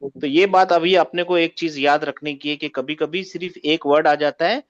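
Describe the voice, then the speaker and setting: A man's voice: fairly high pitch, fairly even intonation, moderate pace. A man teaching an online grammar class, often asking his students to confirm they follow. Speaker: Arabic teacher. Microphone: video call. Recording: muffled lo-fi call audio.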